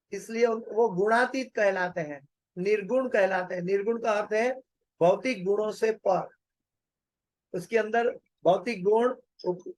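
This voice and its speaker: Slow, high-voiced man lecturing scripture. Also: a little mellow, no echo, low-quality recording. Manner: slow explaining with fillers and repeated phrases. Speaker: Bhagavatam lecturer.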